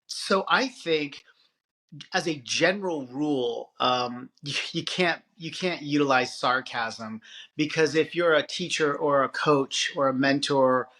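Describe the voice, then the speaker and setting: A middle-aged man co-hosts a podcast in casual chat, speaking thoughtfully and hesitantly with many restarts. His voice is on the high side and fairly bright, at a measured pace.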